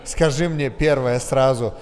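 A man's voice: mid-range voice, measured pace, a little mellow. Male sports interviewer, long hall reverb. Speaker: post-fight interviewer. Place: backstage interview wall at indoor arena. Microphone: handheld microphone.

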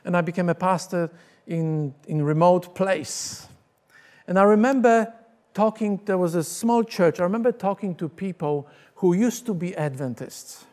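A middle-aged Polish man, a pastor and teacher with a Polish accent, preaches a sermon on a church stage against a curtain backdrop, wearing a lapel mic. His voice is high with a darkish tone, and he tells the story earnestly while gesturing with both hands.

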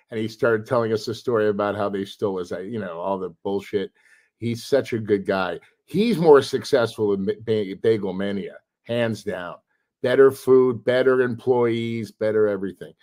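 A man appearing as a guest on a podcast from home, chatting casually and telling stories in an animated, excitable way. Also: on the low side, normal speed. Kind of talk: casual chat.

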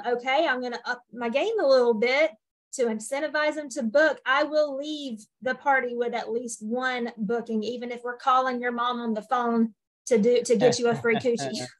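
A young woman with a high voice speaks over a video call, direct and emphatic. She sounds confident and lands each point firmly. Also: steady tone, normal speed, poor audio. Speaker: panelist consultant. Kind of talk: casual panel talk. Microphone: video call webcam.

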